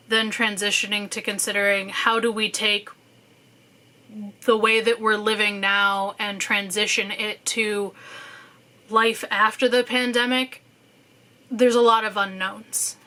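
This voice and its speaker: A woman's voice: mid-range voice, level tone, unhurried, bright, forceful tone. A young woman, a student, speaking in a candid personal monologue, thoughtful at times and sarcastic at others, with casual swearing and frequent fillers.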